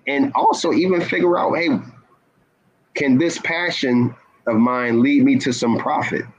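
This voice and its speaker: A man speaking as a guest in an inspirational talk, earnest and measured, stressing key words. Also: medium pitch, steady tone, muffled recording. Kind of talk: inspirational talk-show conversation.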